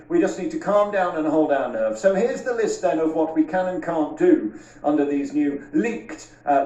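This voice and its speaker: A man's voice: fairly high pitch, darkish tone, recorded from a distance. Sarcastic ranting male host. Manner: sarcastic, mocking and blunt. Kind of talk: ranting talk show monologue. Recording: echoey, off-mic.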